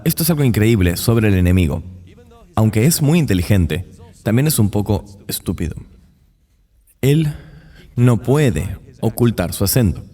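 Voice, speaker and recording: A man's voice: on the low side, dark tone, in a large hall. A man preaching a sermon in an earnest, emphatic way, with the odd dry aside.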